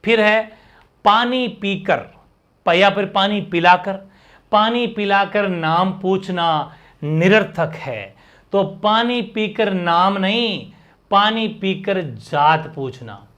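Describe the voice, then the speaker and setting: A male teacher giving a live online grammar class, energetic and constantly checking in with his students. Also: high-pitched, slow.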